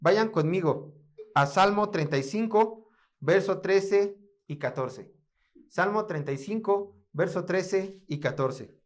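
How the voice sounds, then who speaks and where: A man with a Mexican Spanish accent preaching a sermon, building to emphatic passages and dropping softly for repeated prayers. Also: high-pitched, animated, slow. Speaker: pastor.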